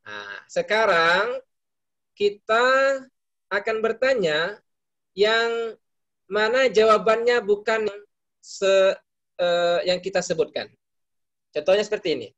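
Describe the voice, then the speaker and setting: Male teacher, high voice, patient and methodical, quizzes the class. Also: fairly bright tone, highs cut off. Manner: patient, explains step by step and quizzes students by name. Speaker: Arabic teacher. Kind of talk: online class, teaching Arabic phrases.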